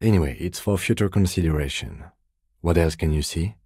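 A meticulous male police detective from a video game delivers scripted dialogue in an extremely low, mellow, slightly husky voice. He's deadpan, restrained and businesslike, measuring out each remark with dry sternness at a fairly quick pace. The recording is dry.

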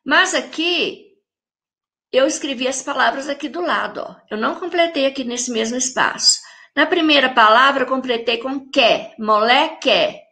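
A woman's voice: high voice, normal speed, sharp tone. A woman with a Brazilian Portuguese accent teaching a remote lesson to young children, speaking patiently and stretching words out syllable by syllable while she repeats the rules and checks in with the class. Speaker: primary school teacher.

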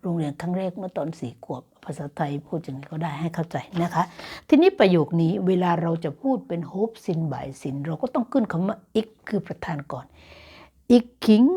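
A woman's voice: on the low side, mellow, breathy edge. A Thai woman teaching Dutch grammar in a casual online lesson, explaining patiently and encouraging her students. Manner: encouraging and motivational.

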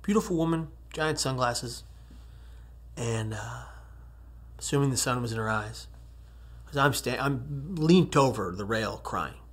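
A man's voice: mid-range voice, a little slow, a bit bright, husky. A man giving an earnest personal testimony talk, moving between near-whispered passages and strong emphatic rises. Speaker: speaker telling his survival story.

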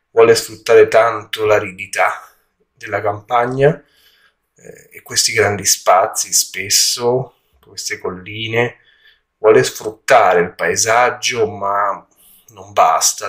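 A man with a fairly low voice reviews a film in an informal way. He talks haltingly, pausing to hunt for the right word. The room around him has a slight echo. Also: fairly bright tone. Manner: halting, searching for words. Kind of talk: casual spoken film review. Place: indoor room at home during a move.

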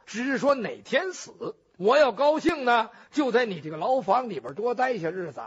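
A man's voice: very high voice, a bit bright, breathy edge, exaggerated voice. A male storyteller voicing a brash, swaggering bandit hero who blusters and gives orders, in a traditional storytelling performance. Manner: blustering, defiant, bossy. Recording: dull lo-fi recording.

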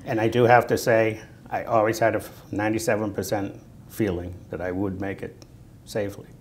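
A Vietnam War veteran from Natick, Massachusetts, now in his sixties, speaks in a lowish voice with little pitch movement and a Boston accent. He recalls his army service in a halting, conversational oral history interview, seated on camera in an indoor room with a lapel mic. Noticeable background noise runs through the recording.

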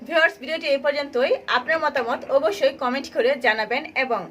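A woman with a Bangladeshi accent teaching a beginners' grammar lesson, explaining clearly and repeating points while speaking directly to viewers. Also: high voice, quick pace, a bit bright. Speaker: online teacher.

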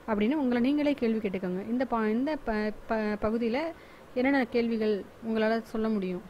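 A woman's voice: on the high side, warm tone, dull audio, slight background noise. A woman explaining a school lesson in a chatty, repetitive way, often restarting her words. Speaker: teacher.

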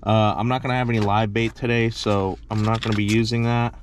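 A man's voice: lowish voice, flat delivery, brisk, a little hiss or hum. A young man chatting and joking to camera in a casual fishing vlog, filmed in a parked truck on a dashboard camera. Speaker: fishing vlogger.

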